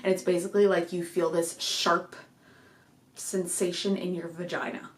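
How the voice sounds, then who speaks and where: A young vlogger delivers a casual pregnancy update from home in a lowish voice, flat in tone and at normal speed. She rambles to camera, a bit out of breath, with frequent fillers, recorded on a desk mic in an echoey room.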